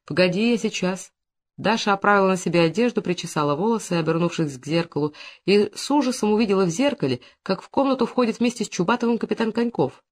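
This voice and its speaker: Measured man narrating a novel. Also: sits high.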